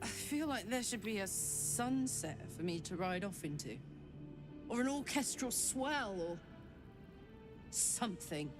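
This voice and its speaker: A woman's voice: medium pitch, animated, a little slow, natural voice. An actress playing a fierce, bitter woman warrior in a video game, talking in a raw voice and swearing. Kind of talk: game dialogue. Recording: game audio with music behind.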